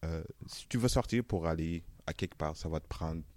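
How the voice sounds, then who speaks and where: A young man with a very low, deep voice speaks French with a Senegalese accent softened toward Canadian French. He talks in a relaxed, chatty way, laughing often and dropping casual fillers. The sound is close and dry, with no room echo. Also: moderate pace. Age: young adult. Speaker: interviewee. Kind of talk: casual interview.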